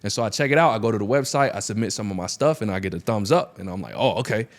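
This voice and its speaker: Man, slightly deep voice, podcast guest, slangy, casual storytelling, animated quoting. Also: rapid-fire.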